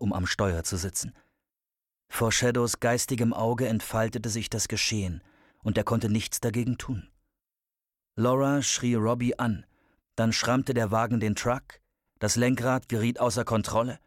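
Low-voiced male audiobook narrator. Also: no echo, clean studio sound. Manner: steady, measured storytelling. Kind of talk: scripted narration.

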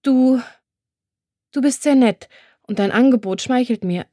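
A woman voicing a frightened young woman who pleads, high and strained, to be let go, in an audiobook reading. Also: measured pace, warm tone, dry recording, clean studio sound. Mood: pleading. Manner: high, pleading, rising to screams. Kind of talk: audiobook character voice.

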